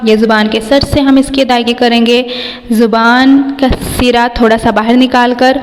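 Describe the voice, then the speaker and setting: A woman with a Pakistani Urdu accent gives a patient tajweed lesson with a fairly high voice. She pronounces each letter slowly and at length, then explains it in an even, level tone. The voice carries a long reverb, as in a hall. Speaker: Quran reading teacher. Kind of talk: slow instructional tajweed lesson.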